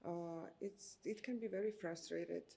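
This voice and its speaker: A woman in her thirties from Croatia with a Croatian accent, answering interview questions slowly and hesitantly, with many filler sounds as she searches for words. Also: fairly low pitch, fairly even intonation, vocal fry, mellow. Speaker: architect.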